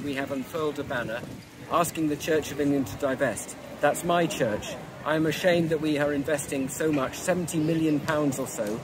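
A priest making an earnest, plain-spoken statement outdoors on a city street. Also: male voice, fairly high pitch. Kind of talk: statement at a protest. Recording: street noise, traffic behind.

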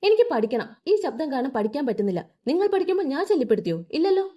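A woman's voice: high voice, big pitch swings, quick pace, dark tone, voice pushed up. A woman voicing an indignant teenage girl. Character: determined teenage girl student.

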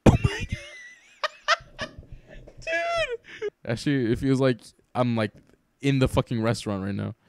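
A young man playing a co-op cooking game, excitable and swearing, often bursting into panicked shouts and laughter. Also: medium pitch, measured pace, vocal fry, pauses often, no echo, clean studio sound. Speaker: gamer playing co-op. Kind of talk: casual gameplay chat.

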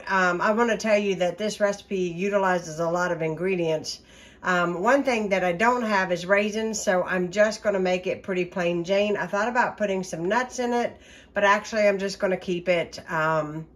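A middle-aged woman chatting casually through a home baking vlog, relaxed and talkative with plenty of ums. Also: fairly low pitch, normal speed. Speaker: home cooking vlogger. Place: home kitchen.

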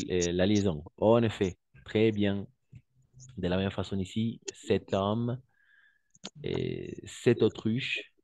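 Patient male French teacher, slow and deliberate, lowish voice, dry close sound. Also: darkish tone, no room sound. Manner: patient, repeats words slowly, frequent praise. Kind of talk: online class instruction.

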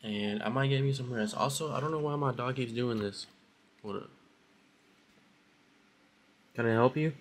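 A man's voice: medium pitch, a little fast. A young man vlogging casually through his day, rambling in a laid-back way and often calling his viewers "bro", recorded on a phone. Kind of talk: casual daily vlog. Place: at home, then outdoors by a river.

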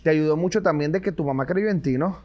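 A man's voice: on the high side, quick pace, lo-fi sound. A Colombian man hosting a casual interview, speaking conversationally and reacting with short interjections. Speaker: interview host.

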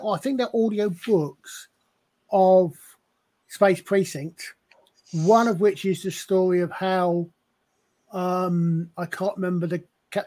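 A man's voice: sits high, mellow. A man from the UK co-hosting a podcast, talking about old TV in a hesitant way, stammering and restarting sentences. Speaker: podcast co-host. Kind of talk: casual chat about TV shows.

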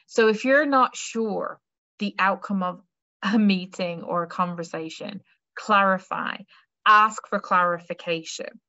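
Speaking through a webcam or laptop microphone on a video call, a young woman from Ireland delivers a careers talk, full of fillers and restarts in a conversational style. Her mid-range voice is a bit bright, there's no room sound, and the audio is slightly dull and lo-fi.

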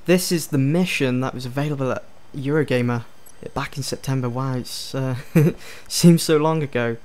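A man with a mid-range, slightly mellow voice hosts a casual let's play at a moderate pace, chatting, joking and thinking aloud as he plays over game music.

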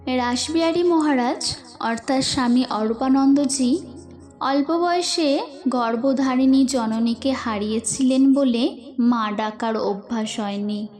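Woman narrator, high voice, unhurried devotional reading, soft music underneath. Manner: slow, earnest, emphatic reading. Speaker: devotional reader. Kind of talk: reading devotional stories aloud. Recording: faint music behind.

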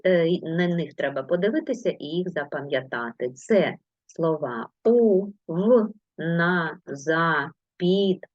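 A woman's voice: low voice, darkish tone, no room sound, muffled recording. A woman teacher giving a video lesson to young pupils, patient and encouraging as she gives instructions. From Ukraine. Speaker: primary school teacher.

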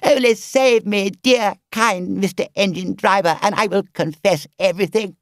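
A man voicing Mr. Toad, pleading and high. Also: no echo, studio quality. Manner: pleading, theatrical. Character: boastful, self-pitying male toad.

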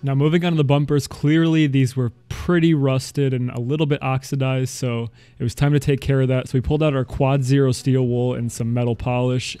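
A man's voice: medium pitch, flat delivery, a little fast, hardly any pauses, dark tone, clear, resonant tone, faint music behind. A man in his thirties, host of a car detailing channel, narrating his work in a casual, friendly voice-over with a self-deprecating manner. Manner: friendly, self-deprecating, explains steps plainly.

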